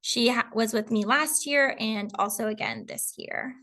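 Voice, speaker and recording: In a fairly high, bright and forceful voice at a measured pace, a woman kindergarten teacher walks parents through the curriculum and her colleagues for a school info video. She works through the lists with lots of ums along the way.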